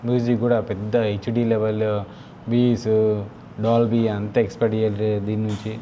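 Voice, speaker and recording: A motovlogger with a Telugu accent casually walks through gear he's unboxing and installing, thinking aloud in an unscripted, informal way. His voice sits on the low side with little pitch movement, fairly quick and mellow. There's slight background noise.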